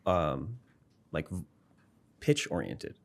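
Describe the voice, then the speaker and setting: In a relaxed, casual interview, a man who is both a psychology professor and a musician thoughtfully explains ideas, with frequent fillers and restarts. His voice sits low and is slow and creaky.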